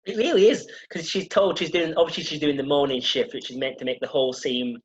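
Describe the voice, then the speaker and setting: Brief: husky man, rambling jokey film chat, muffled lo-fi sound. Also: a little high, steady tone, quick pace. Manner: rambling, jokey, loses his thread. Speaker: podcast co-host. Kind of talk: casual film review chat.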